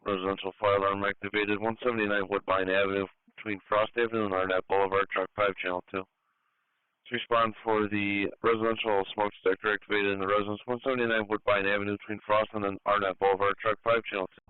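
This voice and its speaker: A man's voice: lowish voice, little pitch movement, fast, clean tone, no room sound. A man working as a fire dispatcher, reading out calls in a procedural way over the radio. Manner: procedural, repeats addresses. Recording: narrowband dispatch radio channel.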